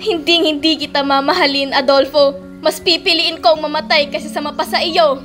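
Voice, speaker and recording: A proud young noblewoman, acted by a woman speaks with firm defiance in old-style radio drama. The voice is high, set over faint music. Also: steady tone, normal speed, a bit bright. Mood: defiant.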